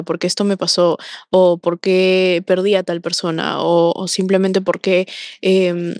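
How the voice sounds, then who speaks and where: A woman co-hosting a casual podcast, talking with many pauses and fillers and slipping into English phrases. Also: lowish voice, a little mellow, no room sound, studio quality. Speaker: podcast co-host.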